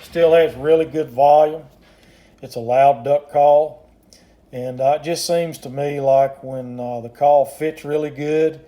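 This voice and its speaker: Man, very dark soft-edged tone, fairly flat intonation, plainspoken, folksy, unhurried, casual product demo. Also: mid-range voice. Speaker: duck call maker demonstrating his product.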